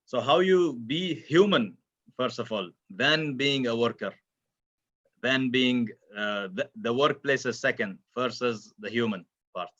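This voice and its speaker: A man speaking as a panelist in a live discussion, halting, with many pauses and restarts. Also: mid-range voice, a bit bright, highs cut off.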